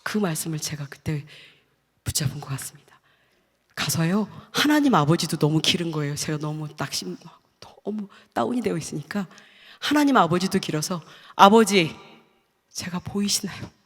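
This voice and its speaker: A woman's voice: fairly low pitch, lively intonation, fairly quick, husky. A middle-aged woman shares her testimony before a church gathering. She talks earnestly, stacking short phrases one after another and sometimes sinking almost to a whisper. Her voice carries a long reverb from the church hall. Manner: earnest, stacks short listed phrases, drops to hushed tones. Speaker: guest speaker giving a testimony.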